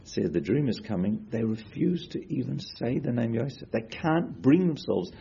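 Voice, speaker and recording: A man's voice: mid-range voice, animated, moderate pace, vocal fry, mellow, slightly rough, dull audio. A man teaching a Torah class, asking questions and quoting Hebrew sources as he explains them.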